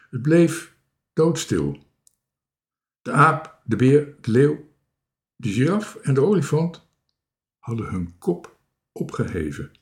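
A man reading a children's story aloud, slowly and with lively expression, putting on high voices for the characters. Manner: slow, lively storytelling with restarts. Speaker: reader of a children's book.

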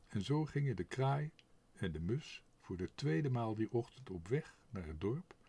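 A man narrating a children's storybook in an expressive, animated way. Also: medium pitch, unhurried. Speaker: audiobook narrator.

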